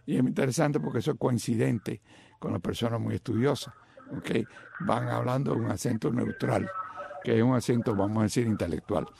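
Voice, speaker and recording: An older Cuban man with a deeply gravelly, creaky voice tells long, rambling stories in a relaxed chat. His pitch sits in an ordinary middle range, and he drifts from one aside to the next. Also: a little fast, background noise. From Cuba. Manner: rambling storyteller with many asides. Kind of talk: casual chat.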